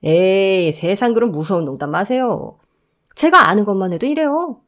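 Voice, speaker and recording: A woman's voice: mid-range voice, lively intonation, moderate pace, fairly bright tone, lightly acted. A woman voicing a blunt male security guard who mocks and drawls. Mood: mocking.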